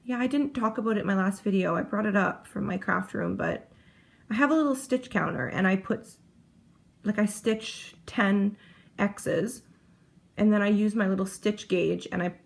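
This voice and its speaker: Talking about her cross-stitch in a chatty, rambling way, a heavily pregnant woman keeps interrupting herself mid-sentence on camera. She has a gravelly medium-pitched voice and a moderate pace.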